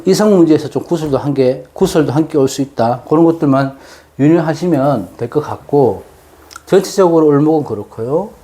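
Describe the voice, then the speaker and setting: Male lecturer, mellow and fairly high-pitched, slightly numb-mouthed slurring from dental work, explaining off the cuff with pauses. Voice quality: slightly slurred, tangled articulation after dental anesthetic. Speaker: fortune-telling lecturer.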